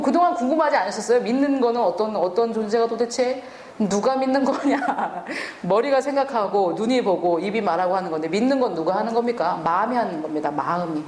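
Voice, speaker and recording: A woman's voice: mid-range voice, a little mellow, roomy sound. A woman preaching a sermon and teaching from the Bible, asking the listeners questions and answering them herself.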